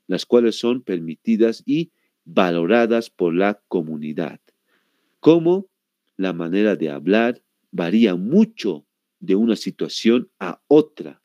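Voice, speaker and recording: A man with a Bolivian Spanish accent gives a classroom lecture, asking the class questions and answering them himself, and repeating words slowly to show how they are said. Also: lowish voice, a little mellow, no room sound. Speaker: teacher.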